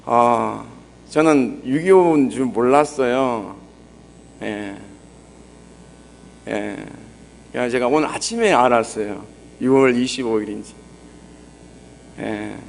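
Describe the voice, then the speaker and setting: A young male pastor with a Busan Gyeongsang accent, preaching gently and conversationally, often putting questions to the congregation. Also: medium pitch, takes it slowly, vocal fry, pauses often, slight background noise. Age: young adult. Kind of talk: sermon.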